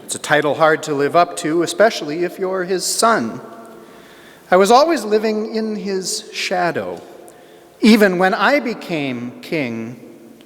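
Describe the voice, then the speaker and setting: A man performing a theatrical monologue as a proud, paranoid, scornful biblical king, pompous, sardonic and deliberate, in a church. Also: high-pitched, animated. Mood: haughty, brooding. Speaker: amateur actor in church monologue. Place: large church, live performance. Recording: reverberant church hall.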